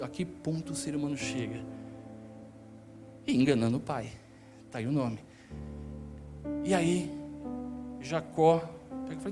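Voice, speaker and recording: A man with a Brazilian Portuguese accent preaches in a church, retelling a story and voicing its characters' lines as he goes. His voice sits high for a man. Instrumental music plays clearly underneath him. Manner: storytelling, acting out dialogue. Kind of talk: sermon.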